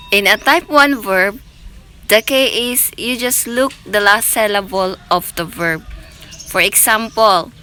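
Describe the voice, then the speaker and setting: A woman's voice: mid-range voice, sharp tone, slight background noise. A woman teaching a language lesson, carefully spelling out syllables one by one. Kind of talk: slow explanatory lesson. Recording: faint background music.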